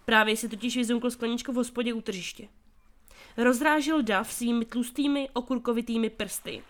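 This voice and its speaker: A woman reading a children's story aloud as narrator, giving the characters' shouts strong emphasis. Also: on the high side, steady tone. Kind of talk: audiobook reading of a children's novel.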